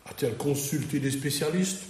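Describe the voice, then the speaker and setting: A man's voice: fairly high pitch, normal speed, a little mellow, reverberant, distant mic, a little hiss or hum. A man preaching a sermon, reading a Bible passage and then talking it over in a conversational way with rhetorical questions.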